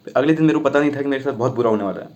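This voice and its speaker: A young man casually retelling a school story from his childhood, chatty and animated, voicing the people in it as he goes. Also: mid-range voice, very fast.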